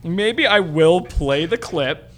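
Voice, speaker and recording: A man co-hosting a podcast in casual chat, animated and swearing freely as he tells stories. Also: high-pitched, slow pace. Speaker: podcast co-host.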